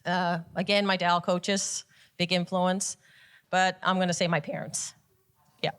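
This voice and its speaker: A woman's voice: lowish voice, flat delivery, unhurried, a bit bright, smooth. A woman with a Nova Scotian accent speaking on a panel in a museum, candid and self-deprecating. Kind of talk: casual panel talk.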